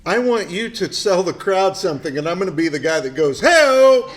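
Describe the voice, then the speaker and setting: Man, co-host, jokey, high lively voice, noisy background. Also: a little fast. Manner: excited, jokey. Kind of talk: casual chat. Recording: clear background noise.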